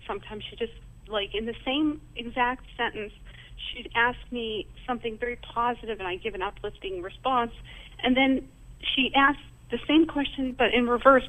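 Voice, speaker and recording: A woman caller on a phone-in show, telling her story with lively quoted dialogue. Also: on the high side, a little fast. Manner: animated, acts out quoted dialogue. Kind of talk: phone-in question. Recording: phone line.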